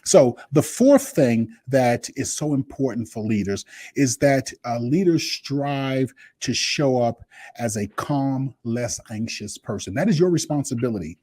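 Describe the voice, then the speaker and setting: A man's voice: mid-range voice, expressive, a little slow, darkish tone, slightly rough, no room sound. A man co-hosting a leadership podcast, explaining ideas earnestly through extended metaphors. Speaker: leadership coach co-host. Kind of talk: podcast talk.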